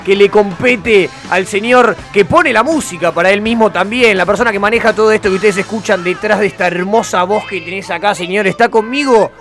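A man with a Rioplatense accent hosting a radio show from the studio, loud and excitable, swearing casually. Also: sits high, brisk, hardly any pauses, faint music behind. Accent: Rioplatense Spanish. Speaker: radio host.

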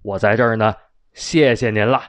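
A man's voice: on the low side, fairly even intonation, moderate pace. A man with a Beijing accent telling old folk legends, chatty and addressing his listeners directly with colloquial asides. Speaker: storyteller. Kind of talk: folk-tale storytelling to listeners.

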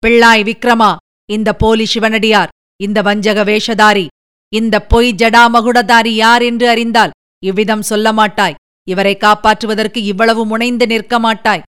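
Villain: a woman doing a domineering male sorcerer priest, booming and commanding, smooth clear voice, storybook reading. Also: little pitch movement, a little slow, a bit bright. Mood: roaring, furious.

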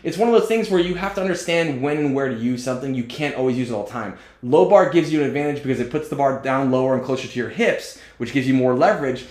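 A man's voice: mid-range voice, fast, few pauses, a little mellow, reverberant. A man in his forties, a strength coach and podcast host, talking bluntly and joking in casual chat. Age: 40s.

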